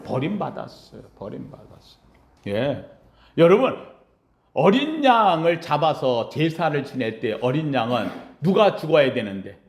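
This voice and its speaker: High, lively male preacher in echoey church. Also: a little slow. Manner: asks the congregation questions and answers them himself; swings between loud cries and hushed low lines. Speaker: pastor. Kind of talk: sermon. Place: church sanctuary.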